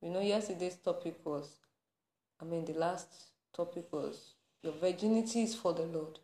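A woman's voice: fairly low pitch, normal speed, warm tone. A woman podcast host in a passionate faith-based rant, laughing between points and building to anger. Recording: roomy echo.

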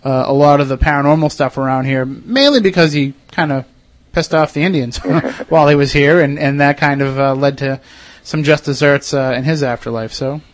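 A radio host from Wareham, Massachusetts, leads a casual interview in a slightly high voice at normal speed, sounding conversational and enthusiastic. There's no room sound in the recording.

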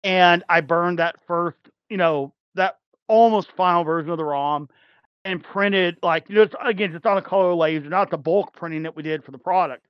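A man with a high voice chats loosely as a podcast guest, circling back with fillers and restarts and laughing often. The sound is dry and a bit muffled. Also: normal speed, clean tone, no echo. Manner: rambling, many fillers and restarts, laughs easily. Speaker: podcast guest, game developer. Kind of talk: casual chat.

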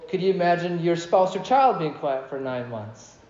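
Pastor, male, animated sermon, slightly high voice, echoey dull church recording. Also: normal speed, slight background noise. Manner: animated, asks the congregation questions.

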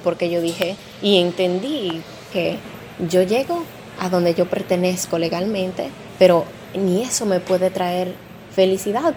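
A woman's voice: fairly low pitch, dark tone, slight background noise. Reflective woman recalling her life. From Dominican Republic. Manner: reflective, with frequent fillers and restarts. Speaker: interviewee. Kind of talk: personal testimony.

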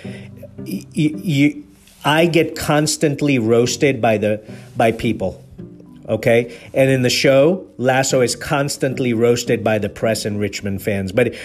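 A man's voice: mid-range voice, takes it slowly, soft background music. Earnest man from Kenya giving leadership lessons. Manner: earnest, preachy, with rhetorical questions. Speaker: podcast host. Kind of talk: motivational leadership talk.

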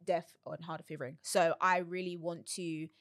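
A woman's voice: on the low side, steady tone, moderate pace, dry recording, clean studio sound. A woman co-hosting a podcast, speaking in a reflective, encouraging way in casual chat. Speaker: podcast co-host.

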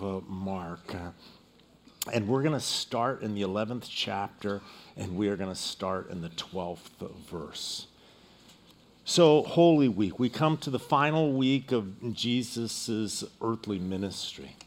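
A man preaching an expository sermon as a pastor, speaking in a measured, halting way with deliberate pauses. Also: mid-range voice. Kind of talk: expository sermon with Bible reading.

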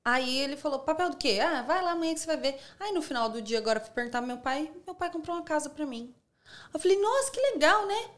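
Brazilian woman guest on a podcast, kinda high voice, slangy, acts out all the quotes. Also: lively intonation, fast talker. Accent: Brazilian Portuguese. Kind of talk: casual interview storytelling.

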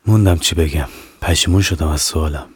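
Deep-voiced man narrating a dark story. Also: breathy edge, no echo, studio quality. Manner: calm, measured storytelling. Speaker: narrator and author. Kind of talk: scripted first-person horror narration.

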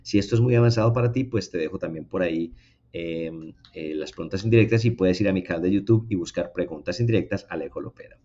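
A man's voice: low-pitched, fast, warm tone, highs cut off. A man giving an online English lesson, explaining step by step and checking in with his students. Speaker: English teacher.

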